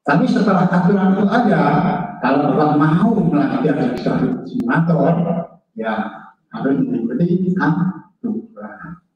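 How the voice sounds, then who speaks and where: A man answering questions on a webinar, his voice carrying a heavy echo, and he explains slowly with many pauses and restarts. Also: a little high, expressive. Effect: heavy echo on his call audio. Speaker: webinar speaker. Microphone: video call. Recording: echoey, distant, lo-fi call audio.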